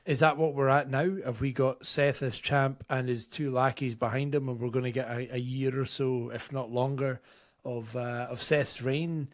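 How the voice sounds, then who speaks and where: A man's voice: medium pitch, steady tone, normal speed. A man co-hosting a wrestling podcast in casual chat, thinking aloud with a few stammered restarts. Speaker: podcast co-host.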